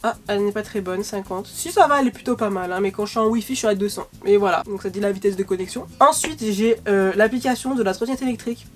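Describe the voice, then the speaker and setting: A woman's voice: mid-range voice, fast talker, few pauses, faint music behind. A young woman with a cold, coughing now and then, chatting casually and rambling with lots of fillers in a vlog. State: sick, coughing. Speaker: YouTuber.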